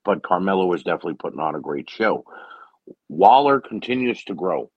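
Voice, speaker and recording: A man's voice: deep voice, animated, a little fast, breathy edge, no room sound, dull audio. A man giving a casual, rambling solo recap of a wrestling show, full of opinions and filler words.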